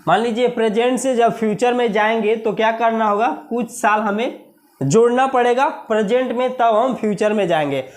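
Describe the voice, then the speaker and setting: High-voiced Indian maths teacher. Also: male voice. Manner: repeats key words slowly and asks questions. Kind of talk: exam-prep video lesson.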